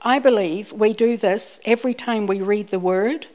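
A woman born in Scotland and raised in New Zealand delivers a personal sermon full of anecdotes in a conversational style, repeating words whenever she restarts. Her voice is medium in pitch and dark in tone, at a moderate pace.

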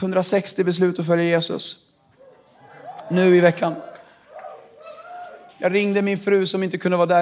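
Male pastor, Swedish accent, high voice, lively sermon delivery. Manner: animated, swings from quiet to shouting. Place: large hall with live audience.

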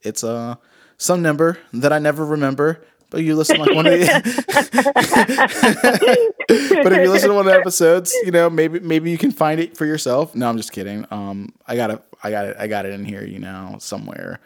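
A man's voice: fairly high pitch, moderate pace. A man hosting a podcast in casual chat, talking in a laid-back frat-bro way full of slang. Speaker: podcast host.

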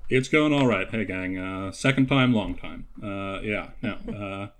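Halting low-voiced Canadian man. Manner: halting, many stammered restarts, trails off softly. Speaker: podcast guest. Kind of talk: casual chat.

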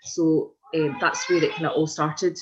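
Speaking in a deep voice with flat delivery and a measured pace, this Glaswegian woman in her forties answers informally over a video call, hesitating, meandering and often repeating herself. She works in community development and is being interviewed for an informal oral history. The muffled lo-fi audio carries a noisy background.

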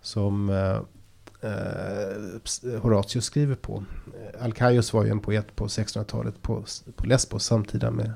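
A man's voice: on the low side, flat delivery, vocal fry, darkish tone. A man hosting a talk about poetry, speaking hesitantly with many restarts as he explains. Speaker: podcast host. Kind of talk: casual discussion of poetry.

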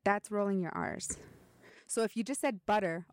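A woman's voice: mid-range voice, moderate pace, no echo. A woman co-hosting a casual podcast, patiently explaining and teaching in a conversational tone. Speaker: co-host.

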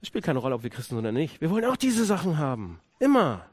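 A male pastor preaching a sermon, dropping to hushed low stretches, then rising into emphatic repeated questions. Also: huge pitch swings, fast, husky, dry recording.

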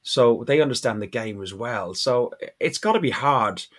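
A man's voice: medium pitch, animated, moderate pace, fairly bright tone. A man hosting a casual football podcast, steering the talk and passing to the others. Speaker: podcast host.

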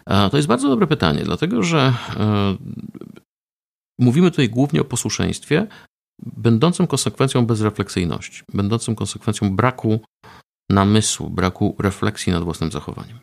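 A man being interviewed about research he ran, explaining in a measured way with frequent hesitation fillers. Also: fairly low pitch, vocal fry. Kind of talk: conversational interview.

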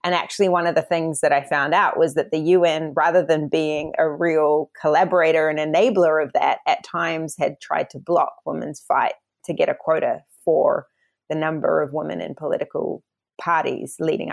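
As a guest on an interview, this woman, an academic author with a broad New Zealand accent, explains her thinking reflectively and conversationally. She speaks at normal speed in a low, steady voice with vocal fry.

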